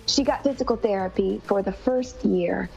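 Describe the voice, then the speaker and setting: A woman's voice: medium pitch, normal speed, gravelly, mellow, faint music behind. A woman telling a personal story of faith in an earnest, conversational way. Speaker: mother telling her daughter's illness story. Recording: slightly dull, lo-fi sound.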